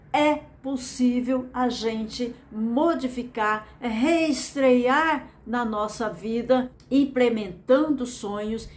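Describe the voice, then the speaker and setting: A woman from Mato Grosso do Sul with a Brazilian accent, giving an earnest, encouraging motivational lecture and repeating phrases for emphasis. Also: a little high. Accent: Brazilian Portuguese. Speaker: speaker presenting a method.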